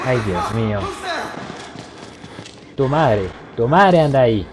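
A man's voice: medium pitch, sing-song, slow, noisy background. A man doing let's play commentary on a horror game, joking and talking back to the characters on screen. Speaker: gameplay commentator.

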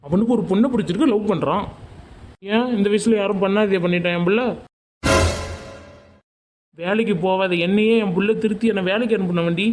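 A woman voicing an easygoing village father in an animated family comedy-drama, coaxing and arguing with his wife to defend their son. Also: mid-range voice, a little fast, long pauses, music in the background, natural voice.

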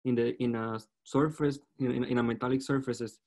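A man in his twenties with a Puerto Rican accent, giving an academic presentation as a student researcher in a halting way, repeating words. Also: mid-range voice, fairly even intonation, a little mellow. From Puerto Rico. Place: online video call.

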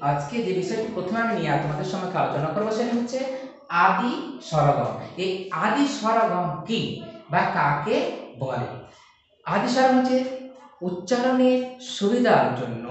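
A male teacher giving an online lesson at a board, explaining step by step and asking rhetorical questions. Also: high voice. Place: classroom with a board. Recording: echoey room, far from the mic.

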